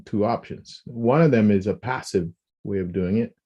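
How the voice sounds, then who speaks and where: Mellow-voiced man on a podcast. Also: fairly low pitch, moderate pace, slightly rough, highs cut off. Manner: animated, restarts and repeats words, acts out quoted speech. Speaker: podcast co-host. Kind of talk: casual podcast discussion.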